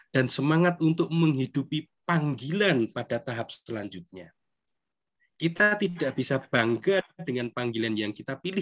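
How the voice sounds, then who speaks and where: A middle-aged man from Indonesia, speaking as a priest at a recollection gathering. He talks in a conversational, self-deprecating way and keeps adding friendly tag questions. His pitch sits in an ordinary middle range. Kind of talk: recollection talk. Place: church hall.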